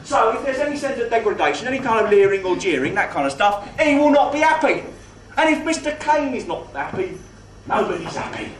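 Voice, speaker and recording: A man playing a mock-genteel, faintly menacing gangster compère, delivering comic stage patter with grand words and drawn-out emphasis. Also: very high-pitched, big pitch swings. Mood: coaxing. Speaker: burlesque show compère in comedy double act. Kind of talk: live comedy patter addressed to audience. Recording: roomy live venue, distant mic, faint noise.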